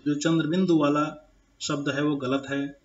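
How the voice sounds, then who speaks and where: A man teaches a slide-based grammar lesson to children, stretching out each example word. He talks very slowly and deliberately in a slightly high voice. The recording sounds dull and lo-fi. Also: little pitch movement, slight background noise. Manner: slow, deliberate, draws out example words.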